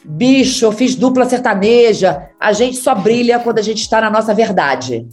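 Brazilian actress chatting away, bit high voice, faint music behind. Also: female voice, expressive, moderate pace, a little mellow. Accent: Brazilian Portuguese. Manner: chatty, laughing, talks a lot. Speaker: actress, interview guest. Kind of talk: casual storytelling.

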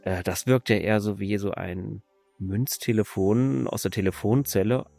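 A man's voice: lowish voice, steady tone, normal speed, gravelly, mellow, faint music behind. A man on a podcast, thinking aloud and questioning details of a video game in casual chat. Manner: musing, questioning. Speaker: podcast host.

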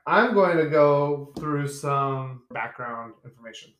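A man's voice: fairly high pitch, slow, fairly bright tone, roomy sound. A man co-hosting a casual podcast chat, reading out film trivia and laughing often. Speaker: podcast co-host.

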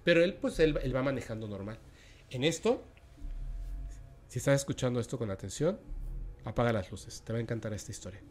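A man with a Mexican accent casually telling a spooky story as a podcast host, with a dramatic delivery that sinks into a hush at tense moments. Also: mid-range voice, animated, a little fast, pauses often, faint music behind.

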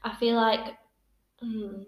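A woman's voice: on the high side, flat delivery, slow pace. Chatty young woman, echoey room. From England. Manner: chatty, laughs often, uses "like" a lot. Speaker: podcast host. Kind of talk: casual chat. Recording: roomy echo.

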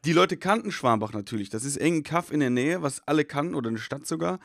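A man, a stand-up comedian, chatting casually and telling animated anecdotes about his gigs. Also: fairly high pitch, fast talker, gravelly, no room sound. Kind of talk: casual chat.

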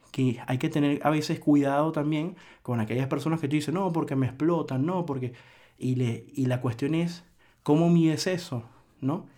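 A podcast host with a fairly high yet dark-toned voice delivers an earnest, reflective solo monologue, lecturing and frequently restarting his sentences.

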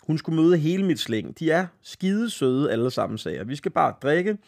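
A man's voice: fairly high pitch, creaky. Casual Danish male podcast host. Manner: lively, laughing, swearing casually, stumbles while reading. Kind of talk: casual podcast chat, reading listener stories aloud.

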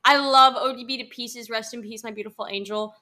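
Woman co-host, jokey and energetic, bright higher voice, relaxed home podcast. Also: a little fast. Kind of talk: casual chat. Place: living room.

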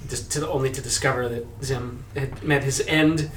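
A man introducing his new character in a tabletop game, relaxed and full of fillers. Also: medium pitch, moderate pace. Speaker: player. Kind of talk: casual tabletop game chat. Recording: roomy, distant mic.

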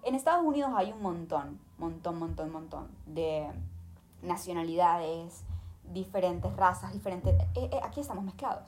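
A woman's voice: fairly low pitch, animated, normal speed, darkish tone, slight background noise. A woman talking casually and emphatically, giving listeners tips and speaking to them directly. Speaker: language tips presenter. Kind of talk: casual advice monologue.

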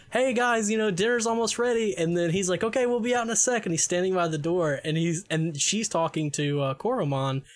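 A man in a casual podcast chat, laughing often and swearing casually as he retells scenes. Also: a little high.

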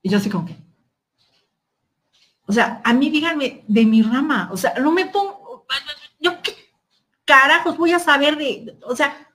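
A woman with a Mexican accent, a podcast guest telling a personal story in a casual, animated way, filling her talk with "o sea". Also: high voice, a little slow, pauses often. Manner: animated, quotes others, frequent "o sea" fillers.

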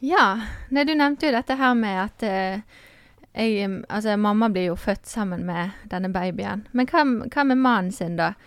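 A woman's voice: mid-range voice, clean tone, no echo. A young woman, a student, chatting hesitantly as a podcast guest. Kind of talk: casual podcast chat.

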